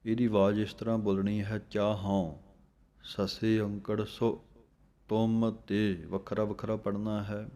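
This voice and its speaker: A man teaching scripture recitation. He chants verses slowly and then explains the spelling letter by letter. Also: on the low side, level tone, warm tone.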